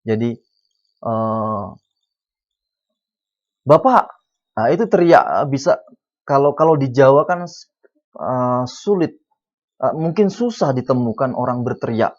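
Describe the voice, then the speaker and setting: A man preaching a sermon, who drops to quiet asides and then rises to loud, emphatic lines. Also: mid-range voice, lively intonation, a little slow, long pauses. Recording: dull lo-fi sound.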